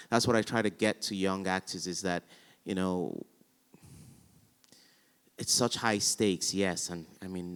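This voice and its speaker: Low-voiced animated actor in a hall. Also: male voice, smooth. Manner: animated storyteller, chants verse rhythms aloud. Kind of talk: panel conversation, anecdotal. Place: hall with audience. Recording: long hall reverb.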